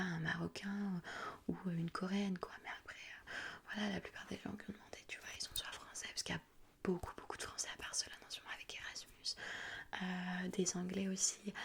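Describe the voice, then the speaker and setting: Whispering young woman, flat and gravelly. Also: medium pitch. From France. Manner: chatty, rambling with many fillers. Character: friendly student flatmate giving a tour. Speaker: ASMR artist. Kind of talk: whispered role-play.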